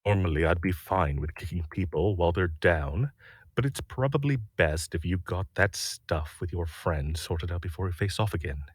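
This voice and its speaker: This ASMR roleplay features a man as a smug villain boyfriend, talking at a moderate pace in a very low, husky register. His delivery is matter-of-fact and drily teasing rather than loud. There's no echo; the sound is close and dead.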